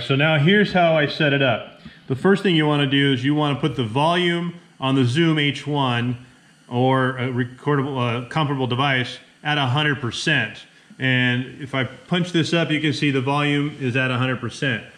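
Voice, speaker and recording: Sitting at a table indoors, an American ham radio hobbyist in middle age walks through a casual practical demonstration. He speaks in a mid-range, fairly bright voice, and background room noise is clearly audible.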